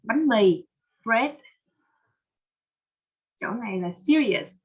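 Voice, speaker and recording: Slow patient woman teacher, Vietnamese accent. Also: fairly high pitch, animated, husky, lo-fi sound. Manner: slow, patient, mixes Vietnamese and English, repeats words for drilling. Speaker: English teacher. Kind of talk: online pronunciation lesson.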